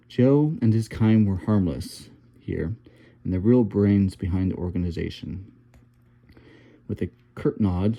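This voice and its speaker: A male audiobook narrator reads a novel at a steady, unhurried pace, stumbling over a word now and then. His voice sits low. The tone is very dark and mellow throughout. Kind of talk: reading a novel aloud.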